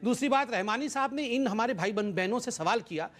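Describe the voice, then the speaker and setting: A man's voice: extremely high pitch, expressive, brisk, fairly bright tone. Insistent man arguing on a TV panel. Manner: insistent, argues over others. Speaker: debate panelist. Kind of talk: heated TV debate argument.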